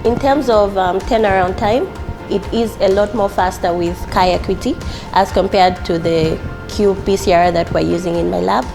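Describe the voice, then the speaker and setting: A woman, a laboratory technologist, explaining her work in a measured testimonial. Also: mid-range voice, creaky. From Zambia. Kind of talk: interview testimonial. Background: background music.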